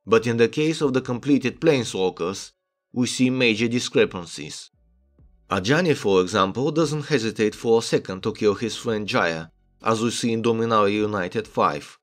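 Low-voiced man narrating an analytical essay. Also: moderate pace. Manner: analytical, reads story passages aloud. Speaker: video essayist. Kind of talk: narrated video essay with read-aloud excerpts. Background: background music.

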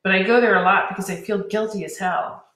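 A woman's voice: medium pitch, fairly even intonation, a little fast, a bit bright, lightly acted. A woman voicing an earnest, wistful young man who trains dragons, speaking in a heartfelt way, in a storybook reading. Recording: roomy echo.

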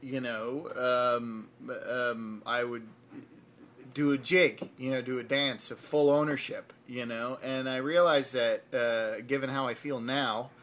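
A man's voice: medium pitch, fairly even intonation, slow, a little hiss or hum. A man in his thirties hosting a comic web vlog, talking in a rambling, hesitant way into a phone camera propped up in his house. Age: 30s. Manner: rambling and hesitant, then loud chanting while dancing. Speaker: web show host. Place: rooms of a house. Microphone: phone camera propped nearby.

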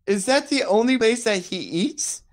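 A man's voice: high voice, animated, normal speed. A young man co-hosting a podcast, giving wry, joking commentary about a TV show. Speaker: podcast co-host. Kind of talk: casual recap chat.

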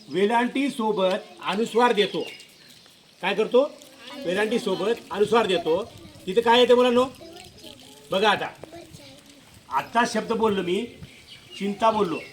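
A male school teacher giving a classroom lesson to children, repeating questions and coaxing pupils to answer. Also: high-pitched. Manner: repetitive questioning, coaxing pupils with filler prompts.

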